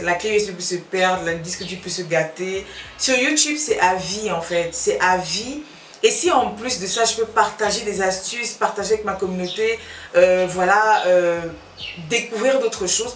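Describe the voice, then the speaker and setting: Recorded on a distant mic in an echoey room with slight background noise, this woman speaks at normal speed in a mid-range voice. She's a YouTuber from Cameroon chatting casually to camera, repeating phrases and trailing off. Her accent is Cameroonian French with a hint of Belgian.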